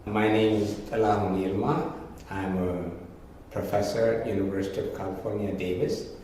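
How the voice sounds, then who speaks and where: A man in his seventies from Ethiopia, a retired professor, telling his life story in a reflective, unhurried way. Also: on the low side, fairly even intonation, dark tone. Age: 70s. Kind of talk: recorded interview. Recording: echoey distant mic with faint noise.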